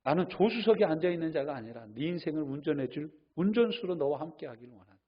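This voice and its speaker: A man voicing Jesus inviting someone to open their heart, in a slow, earnest, lowered voice. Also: animated, slightly rough. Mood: tender. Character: Jesus, calm, gentle and inviting. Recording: dull lo-fi sound.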